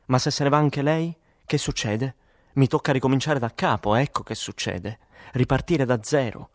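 A man's voice: mid-range voice, moderate pace, dry recording, clean studio sound, voice pushed up, close to an everyday voice. A man voicing a fed-up woman vitamin seller. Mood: weary. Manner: exasperated, swearing, emphatic. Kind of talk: audiobook character voice.

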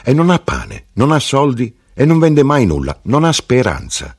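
A man giving a measured, expressive literary audiobook reading. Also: breathy edge. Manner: measured, expressive reading with wide pitch swings. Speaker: reader.

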